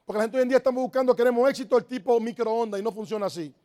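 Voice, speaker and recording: With a strikingly high yet mellow voice, a Dominican network marketing motivator rushes through his speech before a live audience. He presses listeners in a preaching, emphatic style, restating every point to drive it home.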